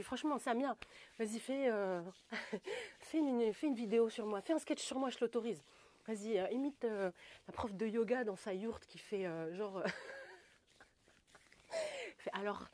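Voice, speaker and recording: Young woman yoga teacher goofing around, giggly and rambly, highish voice. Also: a little mellow. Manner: giggly, rambling, slangy asides. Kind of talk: playful self-mocking yoga class.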